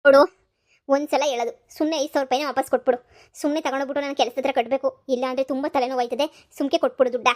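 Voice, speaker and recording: A woman voicing a stern, hard-up young husband who works as a delivery man, scolding fast in a cartoon comedy. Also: sits high, fairly even intonation, darkish tone, dry recording, clean studio sound, lightly acted. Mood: pleading. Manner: scolding, lecturing, fast and insistent.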